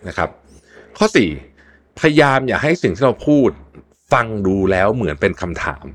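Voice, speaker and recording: A man's voice: fairly low pitch, sing-song, moderate pace. A man hosting a solo podcast, explaining tips in a chatty, casual way with frequent polite particles and repeated words. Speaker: podcast host.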